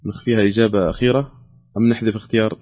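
A man's voice: fairly low pitch, little pitch movement, very fast, dull audio. A man hosting a call-in quiz, reading questions aloud and patiently repeating the options. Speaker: quiz show host.

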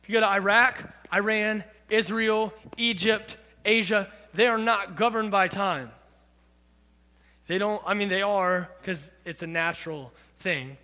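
A man's voice: high-pitched, a little slow, bright, forceful tone. A man giving a youth sermon to a group, with playful, jokey asides to the audience. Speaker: youth pastor. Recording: long hall reverb.

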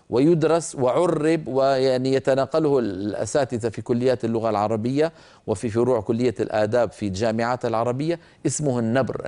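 Older man, mellow voice, Quran recitation lesson, drawn-out demonstrations of words. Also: mid-range voice. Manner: stretches and repeats words slowly to demonstrate pronunciation; explains patiently, addresses listeners directly.

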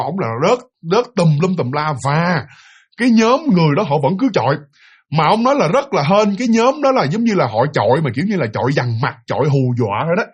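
A man with a Southern Vietnamese accent, casually retelling a ghost story in an animated way, full of fillers and repeated words. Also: a little high, breathy edge.

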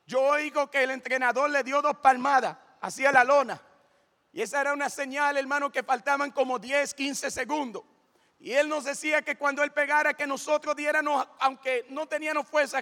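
High-voiced, bright preaching man in a church. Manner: animated storytelling, calls listeners brother. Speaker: preacher giving testimony. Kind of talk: testimony sermon. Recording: long church reverb.

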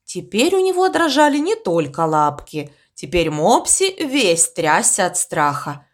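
A woman narrating a children's storybook in an expressive, melodic reading. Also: on the low side, a little slow.

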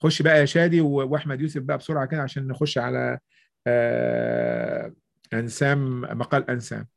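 A man's voice: medium pitch, fairly even intonation, quick pace, creaky. A man with an Egyptian Arabic accent hosting a discussion, explaining at length and answering his own rhetorical questions. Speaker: discussion host. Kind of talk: explanatory debate talk.

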